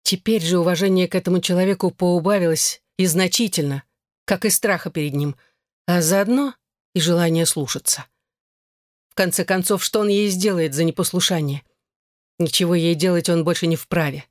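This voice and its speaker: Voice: medium pitch, moderate pace, no echo, studio quality. An audiobook narrator reading a novel aloud in scripted narration.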